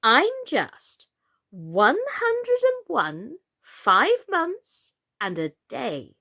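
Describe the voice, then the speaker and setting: A woman voicing an excitable, bossy old storybook queen who wails and exclaims, turning squeaky when excited. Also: very slow, exaggerated voice. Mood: bossy, pitying. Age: older.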